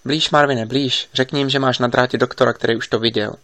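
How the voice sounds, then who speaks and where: A man's voice: mid-range voice, fairly even intonation, a bit bright, no echo, lightly acted. A man reading an audiobook, voicing an insistent investigator giving urgent instructions over a line.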